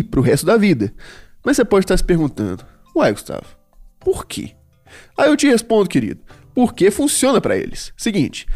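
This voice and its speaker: This podcast host explaining animals is a man whose voice sits on the high side and sounds a little mellow. He has a Brazilian Portuguese accent and keeps his casual educational show chatty, playful and slangy.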